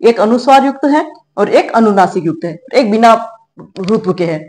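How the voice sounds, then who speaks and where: A woman's voice: medium pitch, expressive, moderate pace, darkish tone. A middle-aged woman teaching a grammar lesson, explaining step by step and checking in often with her students. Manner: patient, explanatory, checks in with "ठीक है" and "है ना". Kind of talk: classroom-style grammar lesson.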